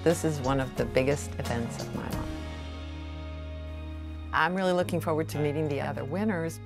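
A woman in her sixties from Indiana, a retired college teacher, talking in an excited, animated way. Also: low voice, normal speed, creaky, over music. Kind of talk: casual interview. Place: indoors.

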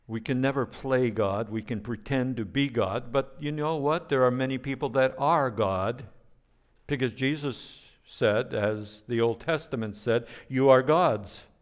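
An older man preaching a sermon as a pastor, speaking in a slow, deliberate way, with playful sound effects now and then. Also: medium pitch.

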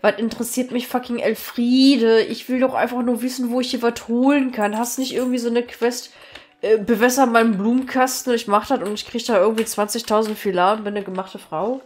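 A woman's voice: a little high, steady tone, a little fast, darkish tone. A woman commentating casually on her role-playing gameplay, crude, joking and full of slang. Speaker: let's play gamer.

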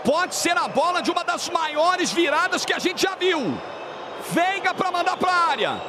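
A man with a Brazilian accent giving live football commentary, with long drawn-out goal yells. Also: very high voice, sing-song, background noise. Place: broadcast studio. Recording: loud music and crowd behind.

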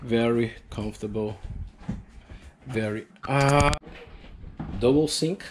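Here a non-native English speaker with a Brazilian Portuguese accent tours his own catamaran, deck and cabin alike, recording on a handheld action camera. His voice sits at medium pitch with slight background noise, and he talks slowly and haltingly, proud as he points out each item and runs through its features.

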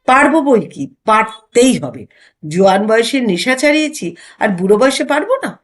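An older wife, suspicious and quick to anger, as a woman narrator puts her on. She scolds in a raised, indignant voice that swoops up and down. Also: fairly high pitch, sing-song. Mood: furious.

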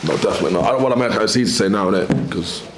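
A man in his forties, a rugby head coach answering post-match questions at a press conference in a candid, measured, upbeat way. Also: fairly low pitch, background noise. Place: small indoor press room in front of a sponsor backdrop.

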